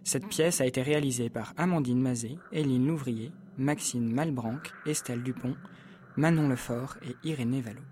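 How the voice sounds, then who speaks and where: A man reading a scripted announcement on radio in a measured, formal way. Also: medium pitch, background noise.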